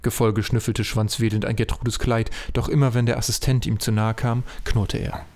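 A man narrating a comic fan audio drama in a dry, deadpan way. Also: medium pitch, normal speed.

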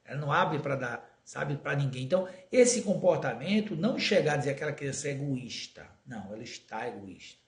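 A man giving an earnest spiritist talk on raising children, often stretching words slowly for emphasis. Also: medium pitch, expressive. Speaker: spiritist lecturer. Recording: echoey room.

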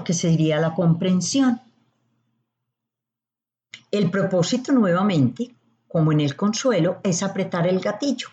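A woman explains how to support others emotionally, in a calm, measured voice that often turns to rhetorical questions. Her voice is low and mellow and she talks slowly. The recording sounds dull and lo-fi. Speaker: emotional coach. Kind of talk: slow explanatory talk. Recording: dull lo-fi audio.

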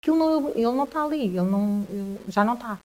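A woman with a European Portuguese accent, telling a personal story as a guest in a conversation, with halting speech, frequent restarts and repeated words. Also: fairly high pitch, expressive, darkish tone.

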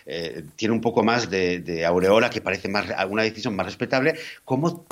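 A man in casual podcast chat, animated, often acting out other people's voices and restarting his sentences. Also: on the low side, moderate pace. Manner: animated, acts out quoted voices, many restarts. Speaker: podcast co-host.

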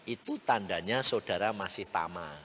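A man, preaching a storytelling sermon, animated and acting out the people in his story while speaking to his listeners directly. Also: deep voice, moderate pace. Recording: reverberant hall with faint ambient noise.

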